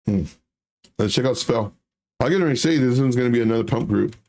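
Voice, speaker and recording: A man's voice: medium pitch, quick pace, a little mellow. A man hosting a livestream with casual chart commentary, blunt and emphatic, repeating phrases for effect. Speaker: livestream host, crypto trading commentator.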